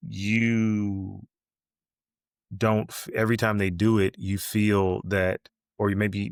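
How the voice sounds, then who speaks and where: A man with a low, deep voice talks through his ideas as a podcast guest. He explains step by step and keeps tagging his points with a quick "right?". The sound is dry and close. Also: no room sound. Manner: frequent fillers and restarts. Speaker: guest, business coach. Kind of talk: podcast interview.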